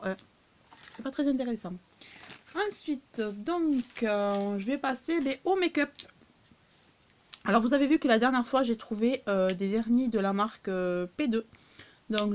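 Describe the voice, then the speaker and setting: A woman's voice: a little high, a little mellow, slight background noise. A woman with a southern French accent chatting casually to viewers as she shows off her cheap finds, with many fillers. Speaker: vlogger showing a discount-store haul. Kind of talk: casual chatty haul video.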